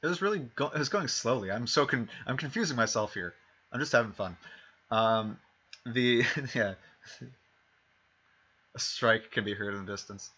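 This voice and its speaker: A man with a mid-range, slightly rough, sharp voice narrates a tabletop game over stream, expressive at normal speed but pausing often. As game master he rambles, fixes his own words, and restarts, with fillers, on a dull lo-fi mic.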